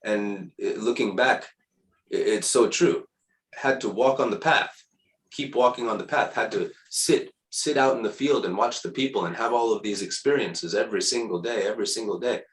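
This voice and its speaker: Man, 50s, low voice, spiritual talk, repeats himself for emphasis, roomy echo. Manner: repeats words for emphasis, unhurried and reflective. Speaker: spiritual teacher. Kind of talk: casual spiritual monologue. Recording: echoey room.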